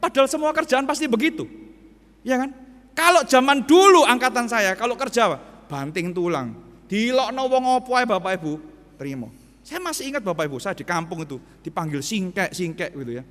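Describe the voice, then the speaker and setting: A man. His voice sits high and sounds bright and forceful, and it rings out with long reverb in a large church hall. He tells stories and speaks straight to the congregation. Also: animated, fairly quick. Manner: storytelling, addressing the congregation directly. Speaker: pastor. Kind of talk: sermon.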